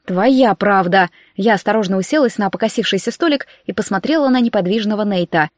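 A woman narrating a first-person audiobook story in a lively, theatrical way. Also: medium pitch, quick pace, dry recording, clean studio sound.

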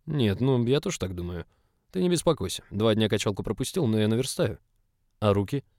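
A man doing a smug young boss, low voice, mocking, dry close recording. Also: lively intonation, a little fast, darkish tone, no echo. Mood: teasing. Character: confident, teasing young male boss. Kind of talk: audiobook character voice.

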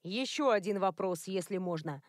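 A woman's voice: medium pitch, animated, normal speed, no room sound, clean studio sound, lightly acted. A woman voicing a flustered but gallant male police inspector in an audiobook, speaking hesitantly and earnestly. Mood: awkward.

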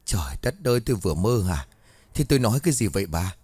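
A man voicing a gruff old village man over seventy who exclaims in alarm. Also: on the low side, very animated, fast talker, dark tone, no echo. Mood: confused. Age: 70s.

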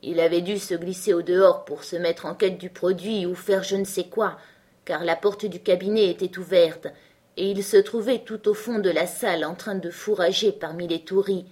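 A woman's voice: lowish voice, steady tone, moderate pace, darkish tone, husky. A woman reading a frightened, devoted older male butler in an audiobook, urgent and pleading. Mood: anxious.

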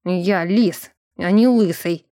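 A sly, sarcastic fox god sneers and drawls his way through every line, as a woman reading an audiobook puts him on. His speech is slow, teasing and grumbling. The sound is close and dry, with no room around it. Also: mid-range voice, animated, a little mellow, dry recording. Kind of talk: audiobook character voice.

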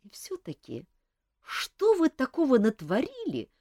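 A woman reading the part of a brisk, quick-witted young court lady in an audiobook. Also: high-pitched, wildly swooping pitch, darkish tone, dry recording, clean studio sound, voice pushed up, exaggerated voice. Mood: incredulous.

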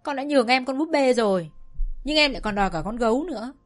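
Woman doing a whiny jealous little girl, high and loud, soft music behind. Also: animated, brisk, natural voice. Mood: whiny pleading. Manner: whiny, pleading, shouts when upset. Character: sulky jealous little girl, about five.

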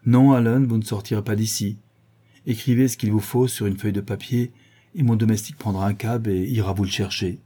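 A man voicing a cool, commanding young male dandy who gives orders briskly. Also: lowish voice, steady tone, dark tone, slightly rough. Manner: commanding, urgent.

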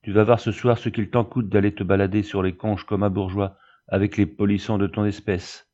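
A man voicing an angry rough peasant farmer who scolds in blunt country speech. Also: on the low side, level tone, brisk, mellow, lo-fi sound, close to an everyday voice. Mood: scolding.

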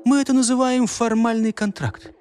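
Masha, a calm young expert, voiced by a man. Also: very high-pitched, voice pushed up. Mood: instructive. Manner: measured, instructive.

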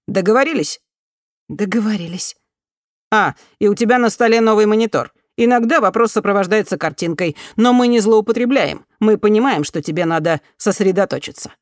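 A woman reading an audiobook and voicing a brisk, upbeat male office manager giving instructions. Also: medium pitch, no echo, studio quality, pitched above the performer's own voice, natural voice.

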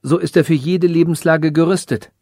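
A man's voice: fairly high pitch, steady tone, normal speed, vocal fry, darkish tone, dry recording, studio quality, voice pushed up. A man voicing a nervous, clever old male sage telling a strange tale to a king, in an audiobook reading. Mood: storytelling.

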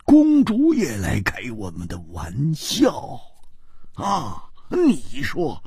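A man storyteller voicing a brash, excitable hard-drinking swordsman who stammers in panic, in a traditional storytelling style. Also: drawn-out words, slightly rough, dry recording, studio quality, full character voice. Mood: grumbling. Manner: stammers in panic, high and shrill.

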